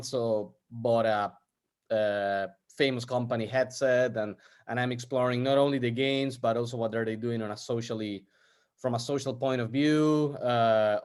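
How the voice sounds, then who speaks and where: An Argentine man based in the U.S. speaks as an interview guest, casual and hesitant, with many fillers and restarts. His voice has a medium pitch and a darkish tone.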